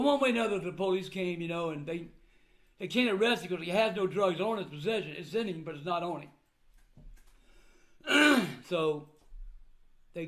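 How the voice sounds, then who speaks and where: Old man, high-pitched for a male, blunt grandfatherly delivery, informal personal vlog talk. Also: a bit bright. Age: older. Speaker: vlogger recounting family troubles. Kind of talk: casual personal talk to viewers.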